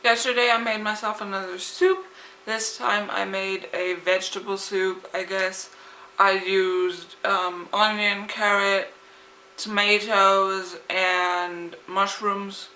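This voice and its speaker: Speaking slowly with a flat delivery, a young vlogger rambles in casual chat, her mid-range voice sharp in tone. Her speech is slightly impeded and lisping, as though her tongue is swollen, and the echoey, roomy recording has slight background noise.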